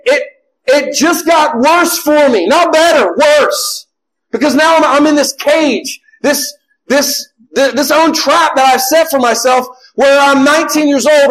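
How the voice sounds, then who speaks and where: A man in his forties preaching a sermon and giving his own testimony, impassioned, often rising to a shout and restarting his phrases. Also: very high-pitched, low-quality recording.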